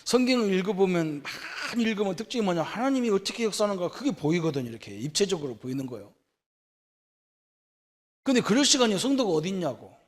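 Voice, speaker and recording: A man's voice: sits high, very animated, quick pace. A middle-aged man preaching a sermon as pastor, in a conversational way, with rhetorical questions and frequent checks for agreement. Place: church sanctuary.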